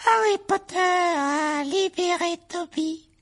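A squeaky little house-elf. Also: male voice, a bit bright, exaggerated voice. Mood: earnest. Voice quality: high squeaky voice. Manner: slow, emphatic, speaks of himself in third person. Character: small excitable male house-elf, squeaky and devoted. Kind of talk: audiobook character voice.

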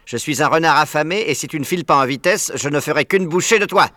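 A man's voice: a little high, expressive, fairly quick, fairly bright tone, no echo, studio quality, voice pushed up. A man voicing a clever, hungry fox father who speaks slyly and with command. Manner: sly, commanding.

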